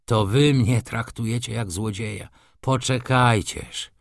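Man reading a book doing a grumpy aging shopkeeper, low muttering, dry close sound. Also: takes it slowly, creaky, no room sound. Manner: muttering low, then bursting out angrily. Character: aging irritable male shop manager, proud and touchy.

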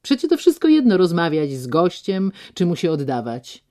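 A woman voicing a deaf older gentleman who talks loudly and insistently, with a dry, teasing manner. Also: on the low side, very animated, normal speed.

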